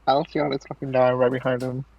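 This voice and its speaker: A man's voice: mid-range voice, flat delivery, fairly quick, vocal fry, a little mellow, muffled recording. A man playing a tabletop game, casually describing his character's actions. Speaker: player. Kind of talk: tabletop role-play.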